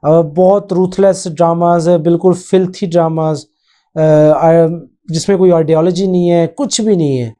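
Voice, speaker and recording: With a somewhat high yet deeply mellow, unforced voice, a man rambles through relaxed commentary on his own channel. Hesitations come often, and English phrases pop up throughout his off-the-cuff talk.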